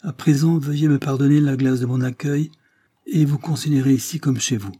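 A man reading an audiobook and voicing a stern, grieving aristocratic mother, with formal, measured speech. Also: mellow, husky, close to an everyday voice. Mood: sorrowful. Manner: formal, measured, voice raised higher for her.

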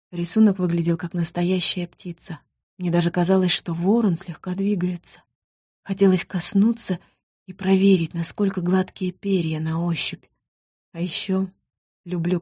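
Female audiobook narrator, first-person story, calm even read, warm mellow tone. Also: mid-range voice, breathy edge.

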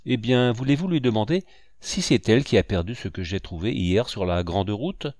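A man's voice: lowish voice, normal speed, darkish tone, no room sound, lightly acted. A man voicing a poor, honest young mother who speaks humbly in a storybook reading. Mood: humble. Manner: humble, pleading.

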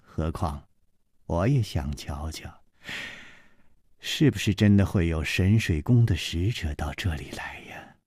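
A man voicing a gentle, sickly young woman in a storytelling reading, soft and tender. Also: deep voice, lively intonation, unhurried, long pauses, breathy edge, no echo, clean studio sound, voice pushed down, heavily acted.

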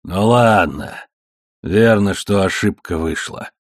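A man reading an audiobook, voicing a rough, hoarse male thug who talks coarsely. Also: fairly low pitch, slow pace, no echo, studio quality. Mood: gruff.

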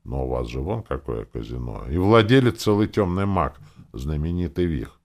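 Male reader as chatty wheedling entertainer man, exclamatory, lively pitch. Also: normal speed, gravelly, full character voice. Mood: fussy. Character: fussy chatty male showman host, wheedling.

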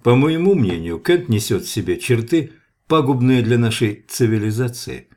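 A man reading the lines of an earnest, sharp-tongued young male scientist with an ironic, argumentative manner. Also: mid-range voice, lively intonation, moderate pace, close to an everyday voice.

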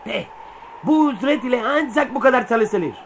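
An actor playing a grumbling, cynical old-world soldier in a radio play, talking in a colloquial way. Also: male voice, very high voice, lively intonation, normal speed, slight background noise. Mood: fed up. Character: grumbling, cynical Byzantine soldier who admires the enemy.

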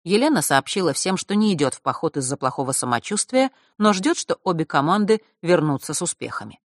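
A woman narrating a fantasy audiobook in a steady, measured storytelling manner. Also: fairly low pitch, no echo, studio quality. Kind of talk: scripted narration.

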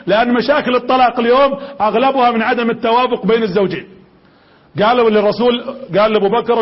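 A man with a Gulf Arabic accent giving a religious lecture. He tells the story with energy and keeps putting questions to the audience. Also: very high-pitched. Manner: lively storytelling that quizzes the audience. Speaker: preacher. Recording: dull lo-fi lecture recording.

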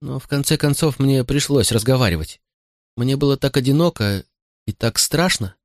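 A man's voice: mid-range voice, moderate pace, dry recording, clean studio sound, voice pushed up, lightly acted. A man reading an audiobook voices a frightened young boy who pleads through tears with his stern father. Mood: pleading, tearful. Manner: sobbing, pleading. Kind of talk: audiobook character voice.

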